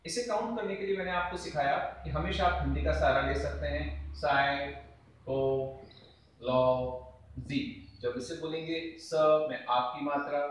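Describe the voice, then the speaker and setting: A man teaching an exam revision lecture, explaining grammar answers step by step and addressing the students as friends. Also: on the high side. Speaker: English teacher. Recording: very echoey room, mic at a distance.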